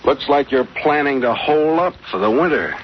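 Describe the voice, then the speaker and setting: A man playing an unflappable adventurer captain in a 1940s radio drama, laconic, steady and dry-witted. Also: on the high side, brisk. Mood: dry suspicion. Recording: muffled, faintly noisy vintage radio recording.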